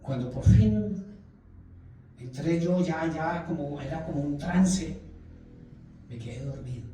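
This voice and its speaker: A man's voice: fairly high pitch, slow, warm tone, slight background noise. A man preaching a Bible study, telling his testimony with emotion and repeating phrases for emphasis. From Colombia. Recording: very echoey room, mic far off.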